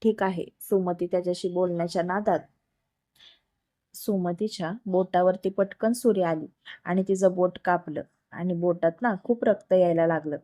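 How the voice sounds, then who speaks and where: A woman storyteller reading a romance story aloud in an even, unhurried way. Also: on the low side, dry recording.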